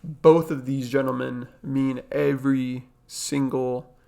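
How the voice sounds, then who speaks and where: A man's voice: mid-range voice, fairly even intonation, slow pace, gravelly, dark tone. A young man hosting a reaction video, talking casually with lots of fillers and repeating himself. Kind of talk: casual commentary.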